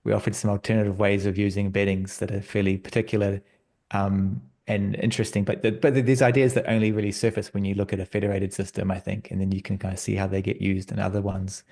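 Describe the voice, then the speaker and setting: A man hosting an online research workshop on a video call, relaxed and friendly, with frequent fillers. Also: on the low side, fast, gravelly. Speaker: workshop host.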